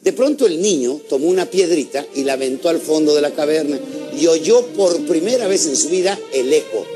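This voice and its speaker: A man works a room as a motivational speaker, his voice pitched a touch high. He fires questions at the audience and acts out small stories with energy. Faint music plays underneath. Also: expressive, a little fast. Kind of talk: lively seminar talk to an audience.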